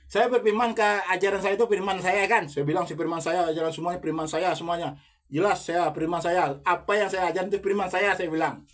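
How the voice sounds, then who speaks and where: A man's voice: sits high, a bit bright. A man preaching as a self-styled religious teacher in a monologue, insistent and repetitive, firing rhetorical questions at the listener.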